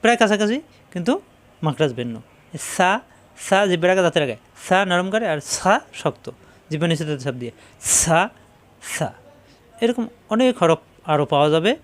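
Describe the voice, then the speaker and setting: A man teaching Quran letter pronunciation in a slow lesson, repeating each sound in a Bangladeshi Bengali accent. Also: fairly high pitch. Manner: drills letter sounds with repetition.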